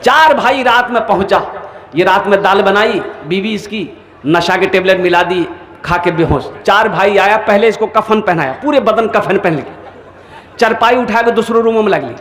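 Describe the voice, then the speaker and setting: Male preacher, very high voice, comic storyteller who slips into character voices. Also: moderate pace, a bit bright, echoey room. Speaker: maulana preacher. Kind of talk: humorous sermon with acted anecdotes.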